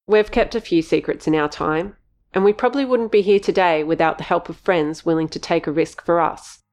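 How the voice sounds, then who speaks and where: A woman reading an audiobook, voicing a calm, shrewd middle-aged father who talks in a measured, soothing way. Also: lowish voice, lightly acted.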